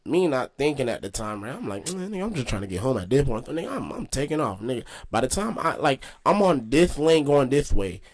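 A young man casually telling a story, slangy and animated, with lots of swearing. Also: mid-range voice, brisk, hardly any pauses. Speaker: host.

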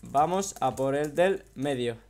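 A young man, excitably commentating a game with a friend, yelling and taunting other players. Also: medium pitch, unhurried. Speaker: gaming YouTuber.

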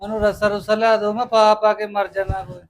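A man's voice: high-pitched, level tone, fast talker, lightly acted. A man with a Punjabi accent playing a drunken, stubborn father who sulks and snaps back at his family. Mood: grumbling. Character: drunken stubborn middle-aged husband and father. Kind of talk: Punjabi short film acting.

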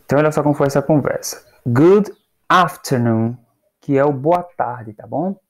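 A man's voice: a little high, a little mellow. A man with a Brazilian Portuguese accent teaching English in a recorded lesson, patiently explaining phrases and checking in with his students. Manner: slows down to model English phrases.

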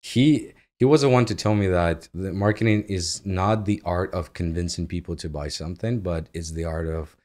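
Low-voiced Ukrainian-born man, relaxed guest. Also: moderate pace, hardly any pauses. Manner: easygoing, laughs often, loose phrasing. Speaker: guest, agency founder. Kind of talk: casual interview. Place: home living room. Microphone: studio mic on boom arm.

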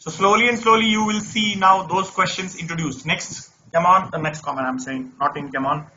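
A man from India teaches an interactive online maths lesson over screen share, speaking conversationally and often repeating words and phrases. His voice sits high and sharp, with fairly even intonation and a slightly fast pace. The audio has its highs cut off and slight background noise.

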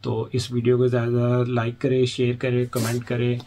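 Man, from Pakistan, casual advice vlog, chatty, acts out exchanges, mid pitch. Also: completely flat delivery, normal speed, dark tone, slight background noise. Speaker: vlogger and international student in the UK.

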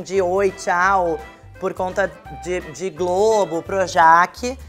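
A Brazilian woman in her thirties, a vlogger, chats casually to the camera about her friends, acting out the things they said. Her voice sits at a medium pitch with a fairly bright tone.

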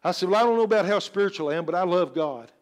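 A man's voice: high voice, lively intonation, very fast. A man preaching a sermon, telling scripture and personal stories with earnest emphasis.

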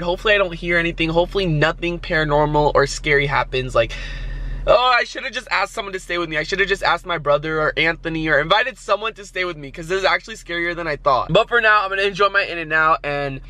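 With a fairly high, bright, forceful voice, this vlogger in his twenties chats nervously to the handheld camera he holds at arm's length. His casual talk is slangy, and he seems half to be talking to himself.

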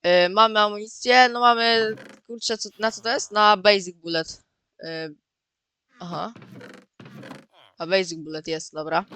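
Excitable bright-voiced man gaming. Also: high voice, measured pace, pauses often, clean tone. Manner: excitable, repeats words, often calls out to viewers. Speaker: gaming video host. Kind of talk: casual gameplay commentary.

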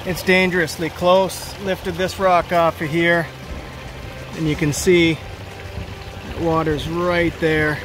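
Outdoors beside a backyard stream, a man with a fairly high voice thinks aloud as he films himself on a handheld phone, with background noise audible. He works as a water feature installer and offers a plain, practical walkthrough while inspecting.

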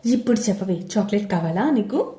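Woman reading a brisk, bossy sister-in-law. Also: medium pitch, lively intonation, warm tone, roomy sound, close to an everyday voice.

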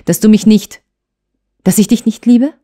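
A woman voicing a hurt young wife who pleads and reproaches her husband with urgency, in a mellow tone. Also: medium pitch, steady tone, normal speed, voice pushed up, natural voice. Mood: reproachful.

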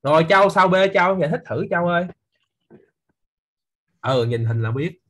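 Husky, lively teacher. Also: male voice, a little high, normal speed. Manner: lively, quizzing students by name, teasing. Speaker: physics teacher. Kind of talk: live online class quiz review.

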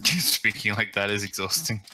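A man trading dry, teasing remarks in a casual game chat. His voice is low but has a very bright, sharp edge. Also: lively intonation, moderate pace. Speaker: let's play co-host.

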